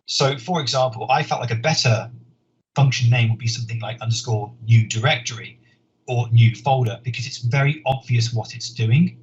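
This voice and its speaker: A man, a software engineer, giving a conference talk in an earnest, explanatory way, often repeating words as he thinks. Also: medium pitch, moderate pace. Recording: dull lo-fi sound with faint noise.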